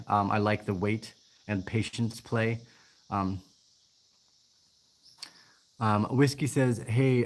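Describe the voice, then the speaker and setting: Hesitant man in his thirties, casual. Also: mid-range voice. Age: 30s. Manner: loose, hesitant, many ums and restarts. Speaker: livestream host. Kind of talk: casual livestream Q&A. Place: outdoors in the jungle. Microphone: laptop mic.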